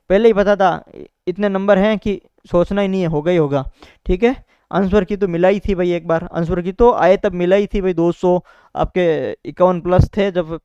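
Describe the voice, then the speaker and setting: A young man who topped his exam talks informally to students about his preparation, motivating them while repeating himself and saying "bhai" and "theek hai". His voice is high, smooth, and a little mellow, captured in a dry, lo-fi recording.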